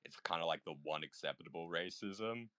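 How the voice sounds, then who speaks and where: A man's voice: deep voice, moderate pace, fairly bright tone, smooth, dry recording. A young man talking in a casual voice chat, hesitant and full of "like" and "um". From Australia.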